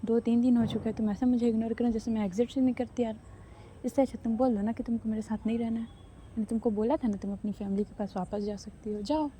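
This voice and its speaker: A woman voicing a young woman who pleads with her partner and then sternly warns her, in a low, mellow voice. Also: fairly even intonation, quick pace, a little hiss or hum, close to an everyday voice.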